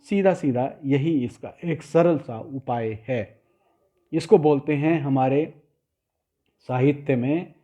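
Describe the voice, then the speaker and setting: A middle-aged man teaching poetry, patiently explaining and slowly repeating example lines word by word. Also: medium pitch, warm tone, dull audio. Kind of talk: explanatory lesson.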